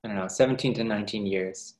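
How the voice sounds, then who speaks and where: A man giving a reflective spiritual talk to workshop participants, speaking in a gentle, unhurried, earnest way. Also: fairly low pitch. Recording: roomy echoey sound.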